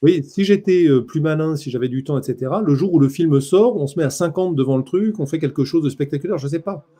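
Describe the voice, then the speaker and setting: A man's voice: a little high, quick pace, warm tone, slightly rough. A man, a print journalist, giving a conference talk in an impassioned, emphatic way.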